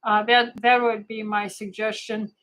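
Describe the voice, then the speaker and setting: A woman's voice: mid-range voice, flat delivery, unhurried, a bit bright, rough recording. A middle-aged woman physician answering viewer questions on a live stream, talking in a casual, hesitant way with many fillers, restarts and heartfelt asides.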